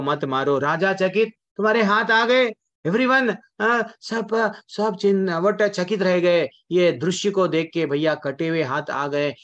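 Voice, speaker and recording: A man telling a devotional story as a sermon. He asks rhetorical questions, answers them himself, repeats words and speaks straight to his listeners. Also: on the high side. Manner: addresses listeners directly. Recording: dull lo-fi recording.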